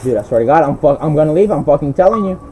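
A young man commentating his own online shooter match, with profane, hot-tempered trash talk and bursts of yelling. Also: a little high, expressive, very fast, poor audio. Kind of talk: live gameplay commentary. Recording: gameplay audio noise under the voice. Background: game sounds, gunfire and vehicles.

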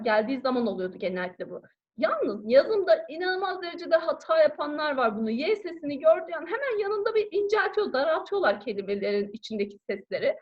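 A woman teacher giving a grammar lesson to schoolchildren, explaining patiently, asking questions and answering them herself, and calling out to her pupils again and again. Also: high-pitched. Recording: dull lo-fi recording.

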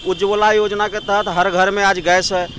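A man with a fairly high voice answers on a busy street. He lays out his view point by point, and faint street noise runs behind him. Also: level tone, moderate pace, fairly bright tone. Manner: confident, explains point by point. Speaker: interviewed passerby.

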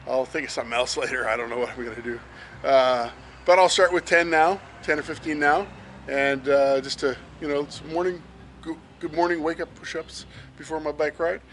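A man's voice: fairly high pitch, steady tone, brisk, fairly bright tone, a little hiss or hum. A man in his fifties chatting casually and hesitantly to a handheld camera as a fitness vlogger. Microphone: handheld action camera at arm's length.

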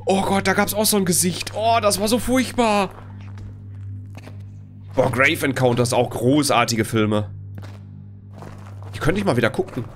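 A man's voice: fairly high pitch, unhurried, long pauses. Scared male horror game streamer, music behind. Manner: scared, exclaiming and pleading reactions. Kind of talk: casual let's play commentary.

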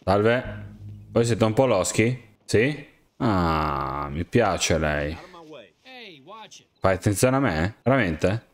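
Excitable man talking to game characters. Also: low voice, slow pace, pauses often. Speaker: gamer. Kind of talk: game commentary, role-playing as himself.

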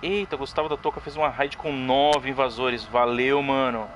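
Here a young man with a Brazilian Portuguese accent streams a horror game, his medium-pitched voice moving at a moderate pace over faint hiss or hum. His casual live commentary is chatty, full of thanks to followers and broken by sudden excited yelps.

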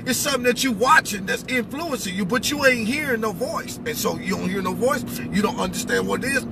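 Loud music plays behind a middle-aged American man whose high, brisk, creaky voice carries an emphatic, instructive spiritual talk from a vehicle cab. He speaks informally and often checks in with questions, while heavy road, car, and outdoor noise fills the recording.

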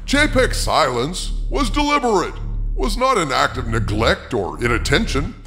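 Over background music, a man hosting an opinion show gives scripted commentary interspersed with article readings, theatrical and emphatic in a rhetorical way. His voice is on the high side with wildly swooping pitch, a bright, forceful tone and a normal pace.

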